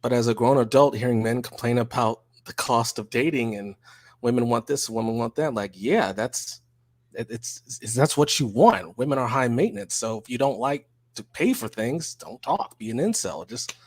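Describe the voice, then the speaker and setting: A man sums up his view in a firm, lecturing way over a video call. His voice sits at a middle pitch, and the audio is dry and close. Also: lively intonation, moderate pace, dry recording. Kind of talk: casual panel discussion.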